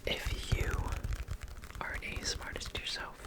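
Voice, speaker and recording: A man whispering a casual, opinionated ASMR rant, often softening his opinions as he goes. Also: moderate pace. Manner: whispering throughout. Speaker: ASMR creator.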